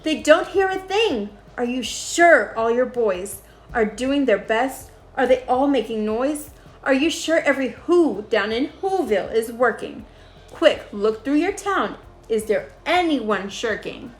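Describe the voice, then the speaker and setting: A woman reading a children's storybook as a gentle, loyal male elephant, earnest and imploring. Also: a little high, animated, a little slow. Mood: urgent. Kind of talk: children's storybook read-aloud.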